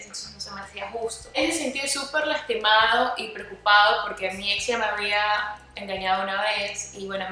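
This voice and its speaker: Young ecuadorian woman telling a storytime, bright voice, sounds a bit far off in a very echoey room. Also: mid-range voice. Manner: lively, acts out quoted dialogue. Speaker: vlogger. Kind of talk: casual storytime. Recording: echoey room, voice a bit off-mic, faint music.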